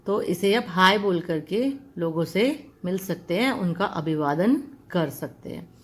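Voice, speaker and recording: A woman's voice: on the low side, lively intonation, unhurried. A woman teaching an English lesson, spelling words out letter by letter and drawing out each sound. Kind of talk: classroom-style language lesson.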